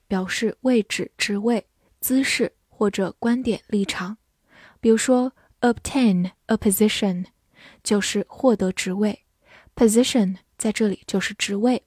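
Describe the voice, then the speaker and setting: A woman teaching English vocabulary in a scripted lesson, spelling words letter by letter and reading example sentences slowly. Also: mid-range voice, a little mellow, breathy edge, dry recording, studio quality.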